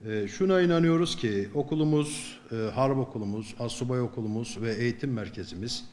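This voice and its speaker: A middle-aged Turkish military commander, a man giving a formal official statement in measured phrases, pausing often between them. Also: mid-range voice, darkish tone.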